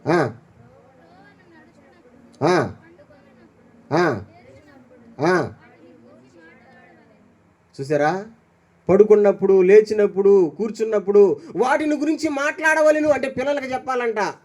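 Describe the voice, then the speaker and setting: Slow and full of long pauses, an older pastor's sermon has lively intonation. He questions the congregation, moving from raised calls to quiet low asides.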